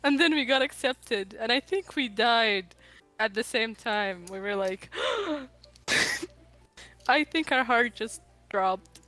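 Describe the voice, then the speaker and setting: A woman's voice: fairly high pitch, unhurried, sharp tone, faint music behind. A woman telling stories in casual chat as a guest artist, acting out bits of dialogue. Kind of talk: casual chat, animated storytelling.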